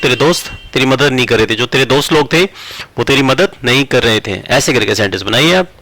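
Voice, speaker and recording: Bright male teacher. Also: mid-range voice, rough recording. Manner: slow word-by-word dictation, repeating phrases. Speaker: English teacher. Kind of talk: explaining grammar while writing examples.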